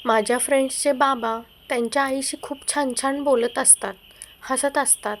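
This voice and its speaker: A woman's voice: high-pitched, fairly even intonation, moderate pace, a little hiss or hum. A woman voicing a small, innocent young girl asking worried questions in a story. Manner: innocent questioning read-aloud dialogue.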